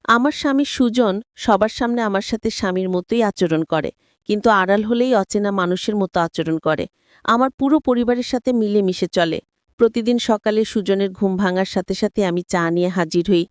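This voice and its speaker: A woman's voice: mid-range voice, normal speed, no echo, clean studio sound. A woman narrating a first-person story and addressing her listeners directly.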